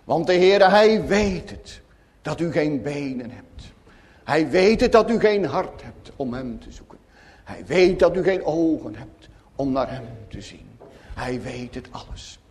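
A man preaching a sermon in a solemn, earnest way with long pauses. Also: a little high, animated, darkish tone.

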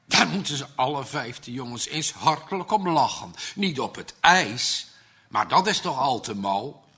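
A man reading a moral children's story aloud in a dramatic style, swelling and hushing, with a husky voice. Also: medium pitch, expressive, normal speed. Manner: dramatic, with sudden swells and hushes.

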